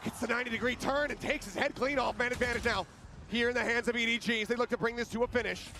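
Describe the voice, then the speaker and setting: Male esports caster, high gravelly voice, dramatic live play-by-play over music. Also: steady tone, background noise. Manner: dramatic, swelling from measured narration to shouted calls.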